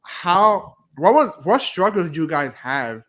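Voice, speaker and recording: A man's voice: high voice, very animated, a little slow, fairly bright tone. A young adult man from New Jersey hosting a casual interview over a video call, rambling and restarting his questions. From New Jersey, USA. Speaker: host.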